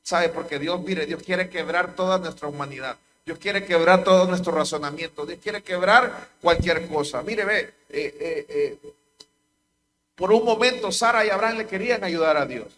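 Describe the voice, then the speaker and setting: A man's voice: high-pitched, normal speed, fairly bright tone, a little hiss or hum. A man with a Honduran accent preaching a sermon to a church congregation, repeating key lines with emphasis. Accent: Honduran Spanish. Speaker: pastor.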